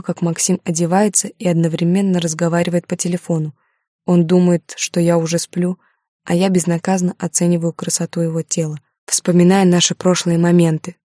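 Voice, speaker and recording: A woman narrating a romance novel in the first person, in soft, even storytelling. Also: lowish voice, dry recording, clean studio sound.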